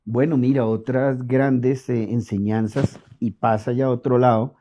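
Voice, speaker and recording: A middle-aged Colombian man being interviewed, telling lively stories and acting out quoted dialogue. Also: medium pitch, a little slow. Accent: Colombian Spanish. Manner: animated anecdotes, acts out quoted dialogue. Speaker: interviewed physician. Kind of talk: relaxed storytelling interview. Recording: dull lo-fi audio.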